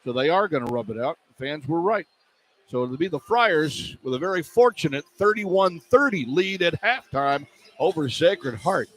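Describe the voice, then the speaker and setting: Speaking at normal speed with an animated, fairly high and slightly bright voice, this man does radio play-by-play of live basketball from courtside in clipped, running phrases. Clear arena ambience and noise fill the background of the live broadcast.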